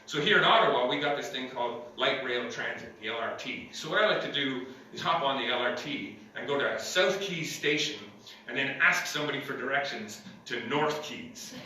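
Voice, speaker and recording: A man's voice: fairly high pitch, bright, forceful tone. A man doing a stand-up comedy set in a small club with no audience, rambling, filling gaps with uh and chuckling at his own jokes. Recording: echoey room, mic at a distance, faint noise.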